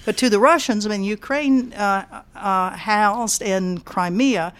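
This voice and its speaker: An older woman and peace activist answering interview questions casually, pausing often with fillers and restarts. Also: medium pitch. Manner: halting, many fillers and restarts.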